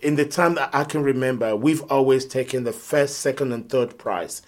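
A man's voice: mid-range voice, moderate pace, darkish tone. A man, talking earnestly and reflectively as an interview guest. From Nigeria. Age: 50s. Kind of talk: conversational interview.

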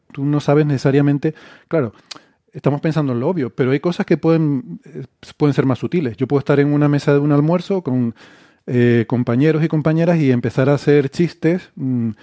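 Man from Spain, warm mellow voice, measured, many fillers, dry close mic. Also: a little high, no echo. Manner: measured storytelling with frequent fillers. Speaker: podcast co-host. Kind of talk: casual debate.

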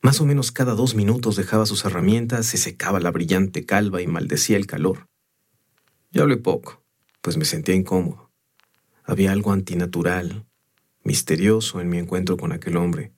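A man narrating a story in the first person in a measured, unhurried way. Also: low voice, darkish tone, breathy edge. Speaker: audiobook narrator.

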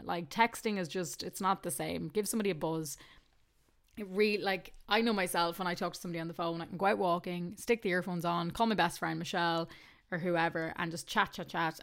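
A woman talks casually as a podcast host, chatty and easily laughing. Her voice sits a little low. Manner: chatty, warm, laughs often.

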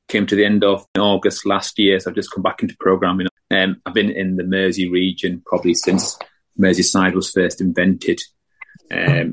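A man's voice: deep voice, fairly bright tone, low-quality recording. A man chatting casually as a podcast guest, informal and given to joking. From Bradford, England. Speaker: surgical trainee, podcast guest. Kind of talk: casual chat.

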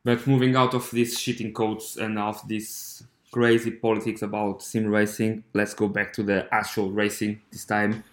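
A Portuguese-accented man speaks in a casual, halting way, stopping often to restart his sentences. His voice sits low and stays fairly flat in tone. The room around him gives a noticeable echo. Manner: hesitant, halting, with many fillers and restarts. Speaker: podcast host. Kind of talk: casual monologue.

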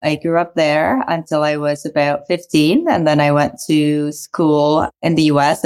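A woman in her forties from Indonesia, an investor talking casually and thoughtfully in an interview, with many "you know" fillers. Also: low voice. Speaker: guest, venture capital investor.

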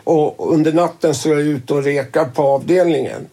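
Speaking in a fairly high pitch with a dark tone, this man relates his own story in an interview. He's relaxed about it, cursing without restraint and performing the quoted dialogue.

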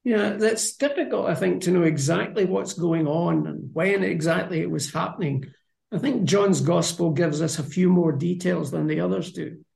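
A man with a strongly gravelly, creaky voice talks through scripture in a thoughtful, earnest way. His voice sits fairly high for a man. The sound carries an echoey room around it. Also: moderate pace, a little mellow. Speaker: Bible study co-host. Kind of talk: conversational Bible discussion.

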